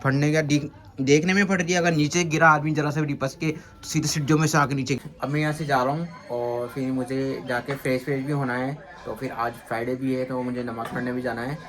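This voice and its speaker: A man's voice: mid-range voice, steady tone, a little fast, hardly any pauses, a bit bright. A man talking casually to his phone camera as a vlogger and father, chatty and always pointing things out to his viewers. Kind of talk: casual vlog narration to camera. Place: outdoors, rooftop and street market. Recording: street noise with passing vehicles.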